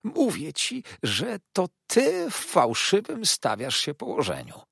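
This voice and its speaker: A man voicing a sly, falsely humble young male clerk who talks softly, slowly and wheedlingly. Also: sits high, wildly swooping pitch, gravelly, breathy edge, no echo, clean studio sound, pitched above the performer's own voice, full character voice. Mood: hissing. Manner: soft, slow, wheedling.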